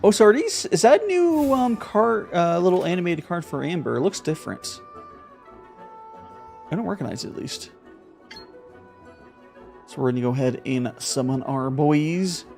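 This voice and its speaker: Thinking out loud while playing a card game, a streamer offers casual live commentary heavy with fillers and repeated words. The mid-range voice is very animated yet creaky and darkish, pausing often at a moderate pace, over soft background music.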